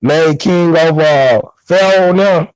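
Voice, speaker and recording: A man in a casual online panel chat, talking in rambling bursts with many fillers, through a loud mic that distorts. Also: fairly high pitch, unhurried, clean tone.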